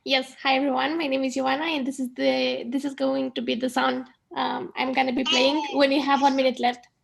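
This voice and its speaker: Woman timekeeper, high, flat and very creaky, brief and friendly. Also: brisk. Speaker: event timekeeper.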